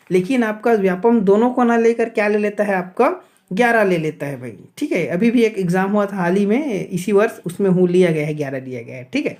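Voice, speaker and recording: A man from Chhattisgarh, India, runs an exam-prep grammar lesson in a high-pitched, slightly mellow voice. He poses questions and answers them himself, says "okay" often to check in, and slows to spell out sounds one at a time.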